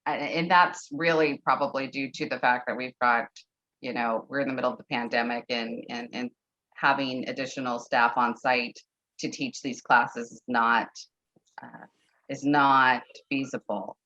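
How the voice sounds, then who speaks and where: A woman's voice: extremely low pitch, fairly even intonation, measured pace, pushed and bright. A woman on a conference call, answering parent questions in an online info session, hesitant with many fillers. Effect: conference call audio. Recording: dull lo-fi conference call audio.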